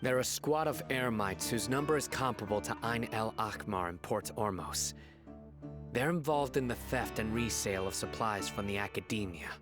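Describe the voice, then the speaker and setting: An actor playing a stern, disciplined general in a video game, with a formal, serious, measured manner. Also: male voice, lowish voice, music in the background, close to an everyday voice. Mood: commanding.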